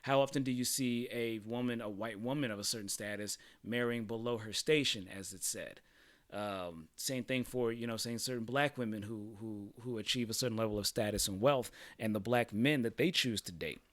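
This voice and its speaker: A livestream host with a lowish, slightly bright voice reacts casually at a moderate pace, rambling and swearing and often repeating "you know what I'm saying." The recording is dry.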